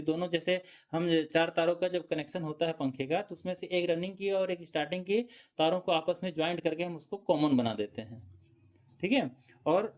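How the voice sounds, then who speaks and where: A man's voice: high voice, darkish tone. A man teaching electrical repair step by step, explaining and checking in often while he demonstrates with tools. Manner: explanatory, repeats points, frequent "ठीक है" check-ins. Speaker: electrician instructor. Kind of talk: hands-on repair tutorial.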